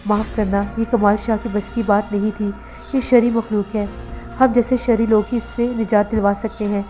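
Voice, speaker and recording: A woman's voice: medium pitch, level tone, warm tone, faint music behind, lightly acted. A woman reading the lines of a confident old male faith healer in a horror story. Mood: calm, assuring. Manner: confident, reassuring.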